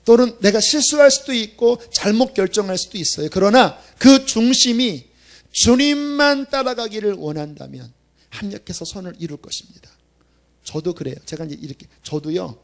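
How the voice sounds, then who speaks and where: A male pastor preaching a sermon at a church service, telling a story in a conversational, emphatic way. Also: sits high.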